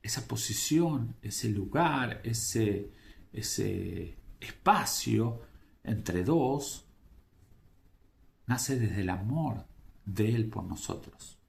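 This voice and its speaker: A man preaches a devotional message in a slow, measured way. His voice sits fairly low and has a rough, gravelly fry. He pauses often and fills the gaps with soft fillers as he reflects. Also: expressive. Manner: unhurried, reflective, pausing with fillers. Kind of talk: devotional talk with scripture reading.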